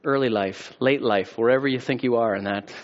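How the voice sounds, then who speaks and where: A man's voice: mid-range voice, normal speed, highs cut off. A man preaching a sermon as a pastor, casual and conversational, with rhetorical questions and a closing prayer.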